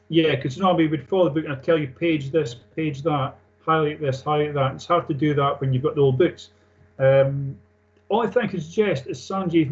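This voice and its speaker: A man teaching a technical class, reading out points and explaining them in a matter-of-fact, informal way. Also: a little high. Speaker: technical instructor. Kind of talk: classroom lecture on aircraft engine maintenance, reading and explaining. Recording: dull lo-fi sound.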